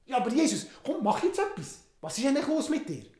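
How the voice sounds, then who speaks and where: A storyteller voicing an excitable, mocking king who shouts and laughs, in a roomy recording. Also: high voice, normal speed, voice pushed up. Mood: eager, demanding. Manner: taunting, loud, laughing. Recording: roomy echo.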